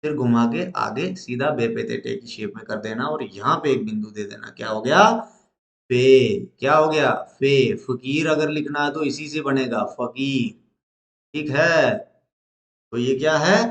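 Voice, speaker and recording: A man's voice: medium pitch, unhurried, echoey room. A male teacher, leading a lesson at the board, asking questions and answering them himself.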